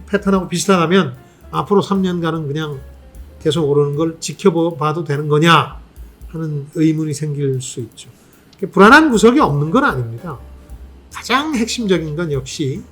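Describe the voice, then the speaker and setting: A man hosting his own channel, giving a measured economic commentary with rhetorical questions and frequent filler sounds. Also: fairly high pitch, breathy edge.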